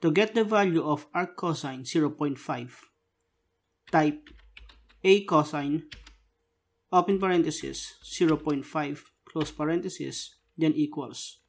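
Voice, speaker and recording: A man's voice: fairly high pitch, unhurried. A man narrating a scripted tutorial, dictating step by step and spelling out keys and symbols in short, separate phrases.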